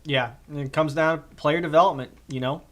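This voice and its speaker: A man hosting a live draft panel, running down lists of names and trailing off softer at the ends of his thoughts. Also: a little high, steady tone, brisk. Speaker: draft show host.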